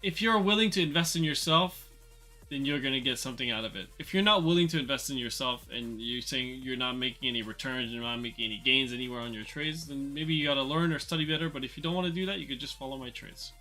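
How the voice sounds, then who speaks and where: A man hosts a casual trading livestream, giving loose market commentary and answering viewers with fillers and repeated words. His voice is medium-pitched, fast and sharp-toned, with soft background music.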